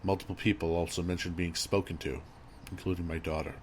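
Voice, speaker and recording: Very deep-voiced man narrating horror. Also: steady tone, a little fast. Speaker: creepypasta narrator. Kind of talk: scripted horror story narration. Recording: audible background noise and ambience.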